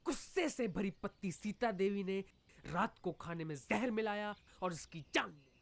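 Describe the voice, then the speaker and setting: An actress reading the news as a TV anchor, in a formal announcing manner. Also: female voice, mid-range voice, lively intonation, normal speed, creaky. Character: brisk woman TV news anchor. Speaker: news reader.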